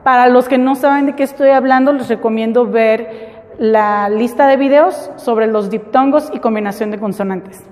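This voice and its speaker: A woman teaching an English class, slowly and patiently, spelling words out letter by letter. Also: on the high side, darkish tone, big-room sound. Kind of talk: classroom lesson.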